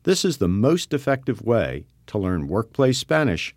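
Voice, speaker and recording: An American man reading scripted instructions for a language course in a clear, measured, encouraging way. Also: lowish voice, sing-song, a little mellow, no echo, studio quality.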